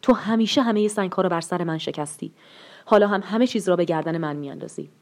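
A woman voicing a bitter, scolding mother of a grown son in a read-aloud story, with a sharp, scolding delivery. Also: lowish voice, natural voice.

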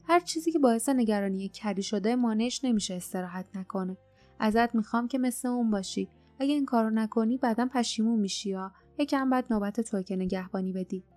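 A woman's voice: on the high side, dark tone, close to an everyday voice. A woman voicing a protective grown man who speaks firmly and bluntly to reassure his companions. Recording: dry close mic, faint music underneath.

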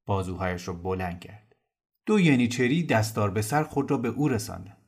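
A man narrating a novel in a calm, measured storytelling voice. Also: on the low side, breathy edge.

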